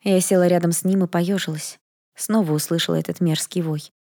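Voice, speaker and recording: A woman reading a first-person fantasy audiobook in a lively, expressive way. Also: lowish voice, fairly quick, no echo, studio quality. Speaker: audiobook narrator.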